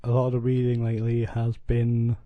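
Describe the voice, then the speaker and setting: A man's voice: medium pitch, completely flat delivery, a little fast, no room sound, phone-quality sound. Lisping thirty-something man, dry sound. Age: 30s. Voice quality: lisp. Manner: dry, teasing banter. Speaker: podcast co-host. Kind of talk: casual chat. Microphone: studio podcast mic.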